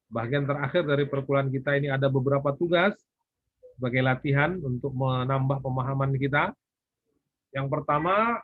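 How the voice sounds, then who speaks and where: A man's voice: on the high side, no room sound. A man giving a recorded online lecture, asking questions and answering them himself as he sets assignments. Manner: asks and answers his own questions. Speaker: university lecturer. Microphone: recorded for a YouTube class. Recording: tinny phone-like sound, husky.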